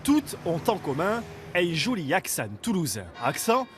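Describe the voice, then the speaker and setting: A man narrating a news report in a playful, lively way. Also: high-pitched, a little slow, slight background noise.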